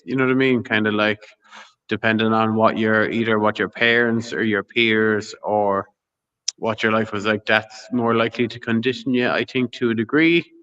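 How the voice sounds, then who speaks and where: A man's voice: on the low side, a bit bright, clean tone, lo-fi sound. A man talking casually as a guest on a live stream, rambling and often asking "you know what I mean". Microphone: video call.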